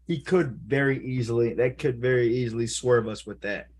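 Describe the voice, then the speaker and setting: A man co-hosting a podcast, talking casually and excitedly about wrestling, with many filler words. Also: medium pitch, normal speed. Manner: animated, lots of "like" fillers. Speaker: podcast co-host.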